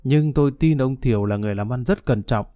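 A man reading a calm older gentleman. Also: mid-range voice, quick pace, no echo, clean studio sound, natural voice. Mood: assured. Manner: reasoned, reassuring.

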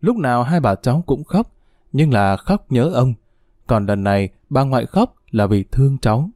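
Male story narrator, calm and even, mellow tone, dry close sound. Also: medium pitch, moderate pace, no room sound.

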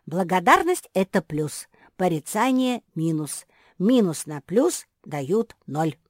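Woman doing a squeaky quirky little dog. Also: big pitch swings, unhurried, no echo, studio quality. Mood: explaining. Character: small female dog, quirky and literal-minded.

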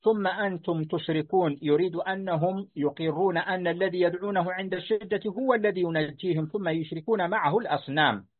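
High-pitched man reading to his teacher. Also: a little fast, hardly any pauses. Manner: deferential, answering corrections politely. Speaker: student reading a book aloud to his teacher. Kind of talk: reading a classical text aloud. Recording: tinny phone-like line.

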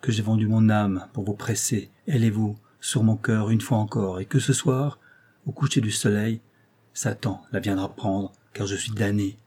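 A man's voice: fairly low pitch, steady tone, normal speed, warm tone, slightly rough. A man reading the part of an anguished young knight back from exile, talking urgently and in despair, in an audiobook.

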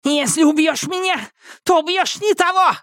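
A man reading aloud and voicing a frenzied young man in a shrill, screeching falsetto. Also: moderate pace, a bit bright, no room sound, clean studio sound.

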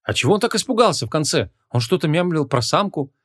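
A man's voice: on the high side, very animated, fast talker, voice pushed up. A man reading the part of a curious, blunt young woman in an audiobook, his voice raised and questioning.

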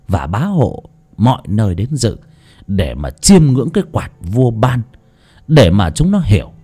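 A man's voice: mid-range voice, dark tone, breathy edge. A man voicing a greedy, pompous old village rich man in a folk tale, blustering and puffed up.

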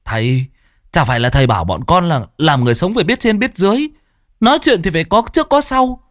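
A man voicing a sly, cheeky young male disciple who argues fast and indignantly. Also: fairly high pitch, animated, a bit bright, no room sound, studio quality, pitched above the performer's own voice. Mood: righteous arguing.

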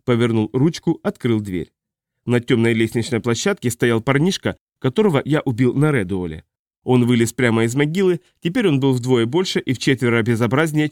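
Male audiobook narrator, first person, measured and calm, middle pitch, dry studio sound. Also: dry recording.

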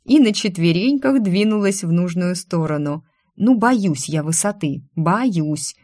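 A woman narrating a first-person fantasy story in a lively, wry, expressive way. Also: lowish voice, measured pace, no echo, studio quality. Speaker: audiobook narrator.

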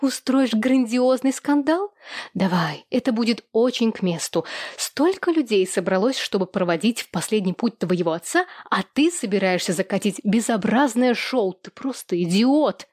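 A woman's voice: a little fast, no room sound, clean studio sound, natural voice. A woman reading an audiobook, voicing a spiteful, haughty young woman who hisses and sneers. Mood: shouting scorn. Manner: shrill, sneering and shouting.

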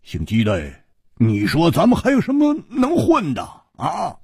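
A man's voice: low voice, animated, measured pace, a little mellow, slightly rough, no room sound, studio quality, pitched below the performer's own voice, heavily acted. A man voicing a brash, blunt swordsman who blusters and exclaims. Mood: dismayed. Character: brash rough male swordsman, blunt and loud.

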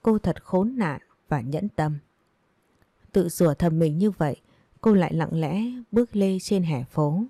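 A woman narrates a dramatic audiobook story in a low, dark, mellow voice. Her reading is steady and measured. The recording is dry and close, with no room around it. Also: no room sound.

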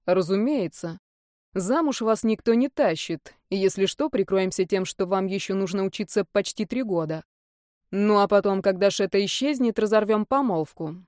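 A woman reading the part of a composed aristocratic male academy rector who speaks in a calm, matter-of-fact way. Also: medium pitch, moderate pace, dry recording, clean studio sound, close to an everyday voice.

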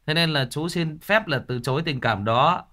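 A man's voice: a little high, normal speed, bright, forceful tone. A man hosting a ghost-story livestream, chatting casually with viewers and teasing them with jokes. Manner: joking, teasing banter. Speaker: livestream host reading ghost stories.

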